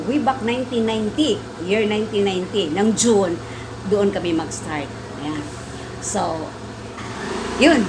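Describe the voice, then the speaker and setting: A middle-aged woman with a Visayan accent, a preschool teacher telling a story in a casual vlog, chatty with many fillers. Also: background noise. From Visayas, Philippines. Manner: chatty, many fillers, rises in pitch when excited.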